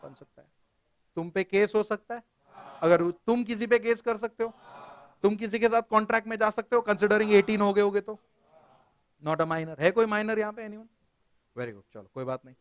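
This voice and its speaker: Lively Indian male teacher, high voice. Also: dry recording. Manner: lively, jokey, quizzes students, mixes Hindi and English. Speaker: company law teacher. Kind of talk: classroom lecture. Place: classroom.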